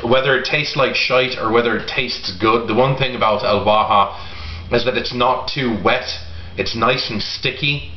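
A middle-aged man talks to camera in a casual, halting review style, pausing often as he goes. His voice sits at an ordinary male pitch. The recording is roomy and echoey, with a slightly dull lo-fi sound. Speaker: product reviewer. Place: home kitchen, indoors. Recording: roomy echo, dull sound, faint noise.

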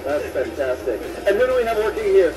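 A man's voice: sits high, sing-song, fairly quick, distant mic, rough recording. A middle-aged man presenting a tour of a ship's laundry room and interviewing a worker, upbeat and chiming in with lots of yeahs. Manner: upbeat, frequent "yeah" affirmations. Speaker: cruise line presenter. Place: ship laundry room below deck. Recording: from off-mic, music under.

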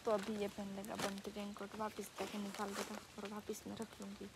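A woman's voice: medium pitch, monotone, a little fast, heavy background noise. A young woman vlogging outdoors on a rainy hillside, talking to viewers through a phone camera held at arm's length. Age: young adult. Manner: chatty, addresses viewers directly. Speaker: travel vlogger. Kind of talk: casual travel vlog.

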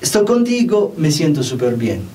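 A man from Europe gives a spiritual talk in a fairly high, mellow voice. He speaks unhurriedly and conversationally, and he keeps putting questions to the listener. He sits well back from the mic, so his voice sounds distant. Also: very animated, normal speed. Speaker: spiritual teacher.

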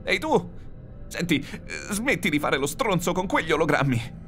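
A man voicing a terrified spaceship crewman who yells shrilly in a hoarse voice. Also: sing-song, normal speed, soft background music. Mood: panicked. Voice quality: hoarse from coughing. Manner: shrill, yelling in panic.

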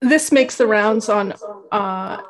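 A woman's voice: medium pitch, takes it slowly. A woman speaking informally and personally as a panelist on a video call. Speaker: panelist, university instructor.

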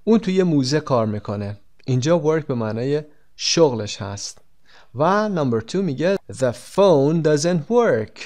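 A man teaching an English textbook lesson, explaining quickly and then saying the example phrases slowly and clearly. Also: fairly high pitch, big pitch swings, darkish tone. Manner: switches between quick explanations and slow, stretched-out example phrases.

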